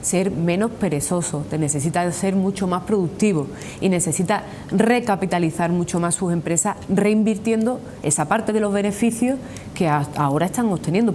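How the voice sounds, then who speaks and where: A woman with an Andalusian accent giving earnest, long-winded answers in a formal political interview as a union representative, repeating points for emphasis. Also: dark tone. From Andalusia, Spain. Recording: noisy with low rumble.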